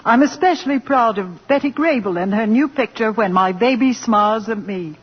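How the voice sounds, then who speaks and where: A woman's voice: on the high side, moderate pace, slightly rough. A woman delivering a scripted testimonial as a guest in 1940s radio style. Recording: muffled, reverberant 1940s radio recording.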